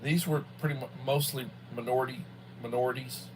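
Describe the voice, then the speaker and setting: In a casual, rambling livestream chat, an early-sixties school worker talks off the cuff with a steady tone and middling pitch. He speaks in a halting, folksy way, often looping back to say a phrase again, while a faint background hum runs underneath.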